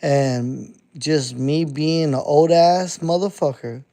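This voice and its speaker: Slow and dark-toned, with a fairly high pitch, the voice comes from a rapper in his thirties from the underground scene streaming live. In a casual monologue to chat, he curses bluntly and keeps repeating himself.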